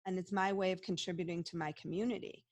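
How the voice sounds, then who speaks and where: Here the same kind of guest, a middle-aged psychologist and medium, speaks fast in a lowish voice with fairly even intonation. She stays open and reflective in this casual interview, frequently starting her sentences over, on a dry recording.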